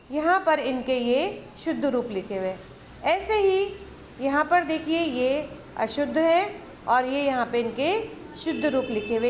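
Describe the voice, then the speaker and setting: A woman teaching a Hindi grammar lesson, going slowly through word lists and saying each word twice. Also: high-pitched, echoey room, slight background noise. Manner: slow, deliberate, repeats each word twice.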